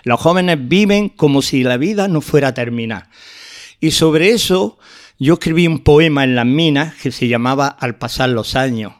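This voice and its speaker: A man's voice: medium pitch, moderate pace. An older man, a guest poet telling heartfelt stories in a radio interview. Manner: earnest, heartfelt storytelling with frequent restarts. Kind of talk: radio interview, reminiscing and introducing poems.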